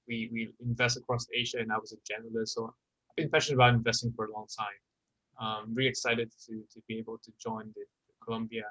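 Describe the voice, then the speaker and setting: Polite man from Hong Kong, flat bright voice. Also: mid-range voice, no echo, low-quality recording. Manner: polite, halting, restarts words. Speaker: podcast guest, business student. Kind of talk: casual interview talk.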